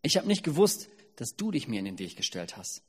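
A man's voice: medium pitch, sing-song, a little fast, breathy edge. A man voicing a short-tempered prophet who now speaks contritely and earnestly. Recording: long hall reverb.

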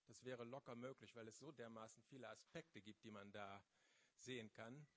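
A man's voice: medium pitch, steady tone, fairly bright tone. Male preacher, 50s, mid voice, hesitant then fervent, sermon testimony. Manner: halting, searching for words, then rising with fervor. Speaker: lay preacher.

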